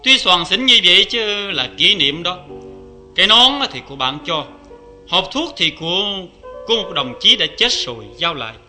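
An actor with a Southern Vietnamese accent playing a weary, poetic wandering man in a radio drama, speaking softly and reflectively. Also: high voice, sing-song, moderate pace, full character voice. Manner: soft-spoken, reflective and poetic. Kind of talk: vintage radio drama acting. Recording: faint music behind.

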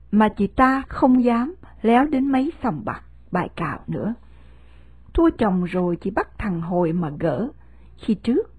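A woman narrating a novel chapter in a steady, measured storytelling voice. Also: mid-range voice, slightly rough, no room sound. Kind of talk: scripted audiobook narration of a novel.

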